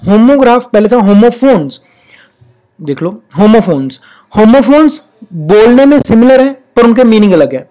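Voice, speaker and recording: A teacher gives a spelling lesson, reading rules slowly and deliberately, repeating example words, and explaining at a patient, steady pace. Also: medium pitch, soft background music. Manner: reads English rules out slowly and deliberately, then explains in Hindi. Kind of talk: recorded classroom-style lesson.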